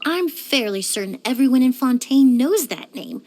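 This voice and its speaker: This is a poised young perfumer from a video game, her voice a little high, delivering a scripted character monologue. She speaks in measured, articulate phrases with refined, polite composure, sounding quietly curious, thoughtful and expressive, with a fond, appreciative mood.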